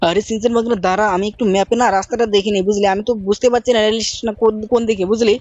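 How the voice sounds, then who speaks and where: Rapid-fire woman gamer, dry close mic. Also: mid-range voice, fairly even intonation, darkish tone, no room sound, dull audio. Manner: rapid, bossy uncle-style banter. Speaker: gaming channel host. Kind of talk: game role-play commentary.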